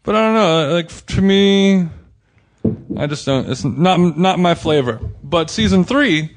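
A man's voice: high voice, lively intonation, measured pace. A man co-hosting a podcast in casual chat, rambling and hedging his opinions with lots of fillers. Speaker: podcast co-host.

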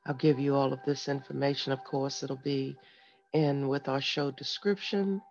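A man's voice: medium pitch, fairly even intonation, moderate pace, gravelly. A man hosting a guided meditation and motivational segment, speaking to listeners directly in short, instructing phrases. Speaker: host of a morning wellness segment. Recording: dull lo-fi sound with music behind. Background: music.

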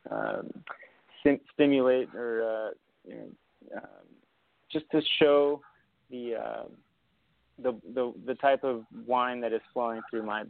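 Man, young, from Argentina, gravelly, rambling casual talk, dry phone-like audio. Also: lowish voice, no room sound. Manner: relaxed, rambling with many fillers and restarts. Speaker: winemaker guest. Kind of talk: casual interview chat. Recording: tinny phone-like line, dry.

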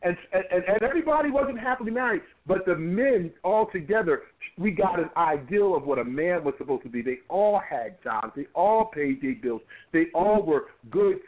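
His high-pitched, expressive voice comes through tinny phone-line audio at a normal speed. The speaker is a pastor in his forties in a conversational interview, talking emphatically and repeating words as he builds up each point.

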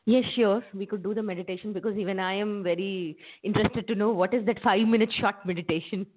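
A woman's voice: medium pitch, fairly even intonation, fast talker. A woman hosting an interview and putting questions to a guest. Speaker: interviewer, show host. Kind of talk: interview talk. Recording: thin, phone-like narrow band.

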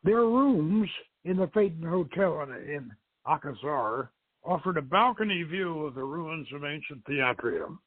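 This radio host, a novelist, introduces and reads one of his own adventure stories in a husky, slightly high voice. He is expressive and speaks a little slowly, and the recording sounds muffled and narrow-band.

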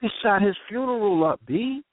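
A man's voice: sits high, animated, normal speed, dry recording. A man telling an intense eyewitness story in casual street slang, often asking "you know what I'm saying". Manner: intense, vivid eyewitness retelling. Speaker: guest telling a personal story. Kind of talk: raw conversational storytelling. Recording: tinny phone line, dry.

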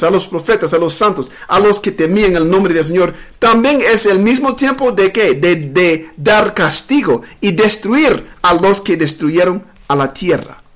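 A man with a fairly high voice leads a live-streamed bible study. He reads scripture aloud and then explains it, stopping and restarting often as he talks. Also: a bit bright. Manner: halting, many fillers and restarts. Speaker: bible teacher.

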